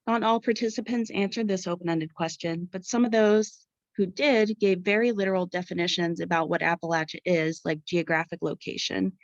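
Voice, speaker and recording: A woman's voice: fairly low pitch, no echo. Young American woman presenting, dull dry recording. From Pittsburgh area, United States. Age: young adult. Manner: formal, carefully read-out delivery. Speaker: student researcher presenting a study. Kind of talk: scripted academic presentation.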